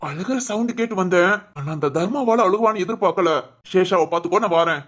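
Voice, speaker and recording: A man's voice: high voice, a little fast, fairly bright tone. A man voicing a curt hot-tempered cartoon guy. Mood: irritated. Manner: curt, irritated. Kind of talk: cartoon voice acting.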